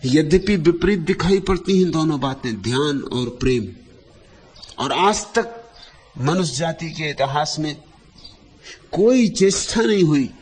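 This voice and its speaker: A man giving a spiritual discourse as a teacher, speaking in short, lyrical phrases with long pauses and repeated lines for emphasis. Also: a little high, animated, slight background noise.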